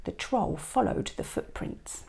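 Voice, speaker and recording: A woman teacher reading a picture book aloud to young children, expressive and dropping to a whisper at tense moments. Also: measured pace. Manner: expressive storybook reading, drops to a whisper for suspense.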